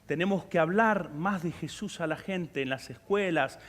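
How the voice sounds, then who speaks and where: A man preaching a sermon as pastor, animated and humorous, telling stories with sudden shifts in loudness. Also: on the high side, moderate pace. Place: church sanctuary. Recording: reverberant church hall.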